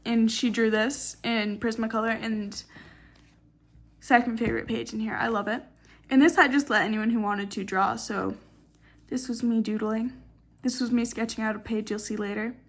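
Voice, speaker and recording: A tired young woman rambles through her sketchbook late at night, her voice a little high. She swears freely and tosses out sarcastic asides as she flips through pages. It sounds like a loose, unplanned chat recorded in a dim room. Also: steady tone, normal speed. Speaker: artist showing her sketchbook.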